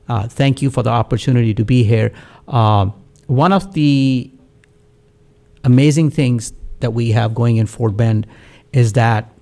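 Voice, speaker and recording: A guest community activist from Pakistan takes part in an earnest studio talk-show conversation, his speech measured and reflective and full of fillers. He has a medium-pitched voice that is creaky with a darkish tone.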